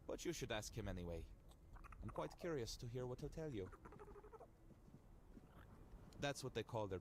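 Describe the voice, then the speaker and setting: An actor plays an enigmatic fantasy game outsider, a sardonic man full of curiosity. His delivery is wry and theatrical, musing with wide, animated swings of pitch. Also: noisy background, lightly acted. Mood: intrigued. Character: sardonic, curious, enigmatic male outsider touched by weird magic. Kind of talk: video game character dialogue.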